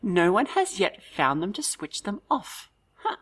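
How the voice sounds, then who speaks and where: A woman's voice: medium pitch, wildly swooping pitch, a little slow, breathy edge. A woman hosting a let's play, reading game text aloud with dry, amused side comments.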